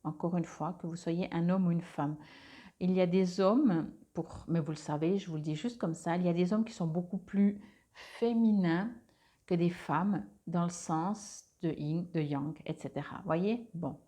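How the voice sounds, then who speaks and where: A woman's voice: on the low side, a little slow, warm tone. A woman doing a casual monthly card reading on a clip-on mic, hesitant, with many fillers and restarts. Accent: Swiss French. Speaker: tarot card reader.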